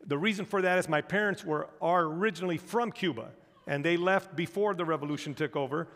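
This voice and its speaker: In a large church auditorium with big-room sound, an American man speaks a little fast in a slightly high, somewhat bright voice. He's a guest missionary giving a storytelling sermon, sharing humorous anecdotes with the congregation.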